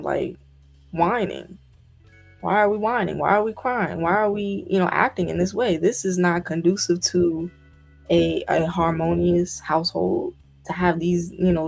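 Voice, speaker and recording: A woman's voice: lowish voice, vocal fry, a little mellow. A woman co-hosting a podcast discussion, talking emphatically and firing off incredulous rhetorical questions. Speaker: podcast co-host. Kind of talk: casual discussion.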